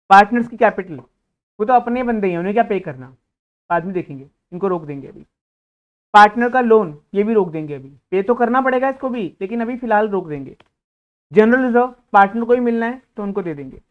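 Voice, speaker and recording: A man teaches an accounting class in a lecture style, putting questions to the room and answering them himself. His voice is smooth and clear. The recording sounds thin and tinny, like a phone line. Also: high voice, expressive, a little fast, pauses often. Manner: explains by asking and answering his own questions; scolds a student.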